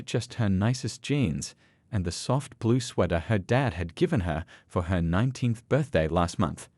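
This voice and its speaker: A man narrating a scripted story in an expressive storytelling manner. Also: lowish voice, no echo.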